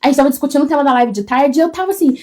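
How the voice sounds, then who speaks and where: A woman, co-hosting a casual live stream from home, talking loudly and expressively. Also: sits high. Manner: loud, expressive and fast-flowing.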